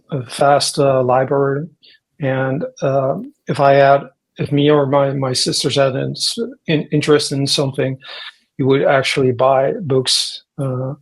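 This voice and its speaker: A man's voice: medium pitch, gravelly, poor audio. A man from the Netherlands, a guest artist talking in a casual interview, thoughtful and hesitant, often restarting his sentences.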